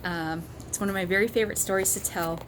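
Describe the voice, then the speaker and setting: A woman telling a funny story in a casual, wry, animated way, with exasperated asides. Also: mid-range voice, fast, background noise.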